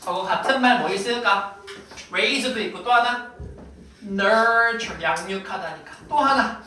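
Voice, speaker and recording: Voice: mid-range voice, takes it slowly, sharp tone, slight background noise. A teacher giving a playful, teasing vocabulary lesson in a classroom, quizzing the students as they go. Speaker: English teacher. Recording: very echoey room, voice far from mic.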